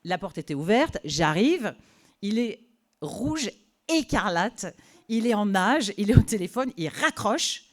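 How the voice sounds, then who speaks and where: A woman telling a personal story in a lively way, laughing often and acting out the scenes. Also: medium pitch, takes it slowly.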